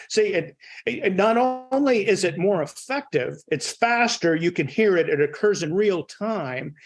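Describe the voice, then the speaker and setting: A middle-aged American man talking as a fire service instructor in an unscripted discussion, blunt and emphatic. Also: fairly high pitch.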